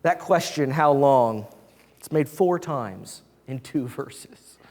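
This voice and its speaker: Animated slow preacher in a reverberant church. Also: mid-range voice. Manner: animated, rhetorical questions to the congregation. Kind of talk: sermon. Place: church sanctuary.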